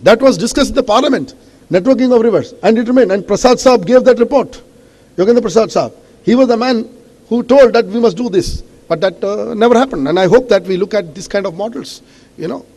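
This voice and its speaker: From a stage in a large event hall, where his voice trails a long reverb, a high-voiced awards host and speaker with an Indian English accent gives an impassioned speech. He presses his warnings hard, talking fairly quickly in a slightly mellow voice and dropping "you know" between points.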